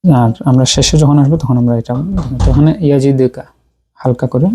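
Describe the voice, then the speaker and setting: Dark-voiced man teaching recitation. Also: medium pitch, fairly even intonation, a little hiss or hum. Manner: patient, repeats syllables slowly to drill pronunciation. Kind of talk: tajweed lesson.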